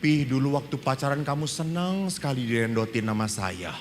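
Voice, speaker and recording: Animated Indonesian priest preaching in a hall. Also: male voice, medium pitch, a little fast, a little hiss or hum. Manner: animated storytelling, acts out dialogue. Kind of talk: lively sermon with humor. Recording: reverberant hall, faint ambience.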